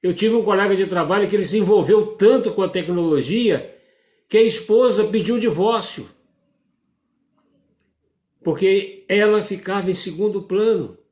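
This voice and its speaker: A man with a Brazilian Portuguese accent preaching a sermon in a church, slow and measured, with dramatic drops in his voice. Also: high-pitched, a little mellow, reverberant.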